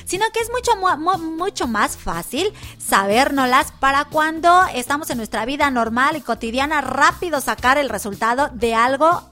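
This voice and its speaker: Bright, high-voiced woman host. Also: expressive, moderate pace, few pauses, faint music behind. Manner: chatty, with many fillers and restarts. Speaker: children's radio host. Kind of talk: casual live radio chat for children.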